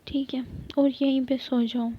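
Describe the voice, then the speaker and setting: A woman's voice: high voice, level tone, breathy edge. A woman voicing Manpreet, a caring young friend who coaxes and lectures frankly, in whispered role-play. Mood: coaxing. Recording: dull lo-fi recording.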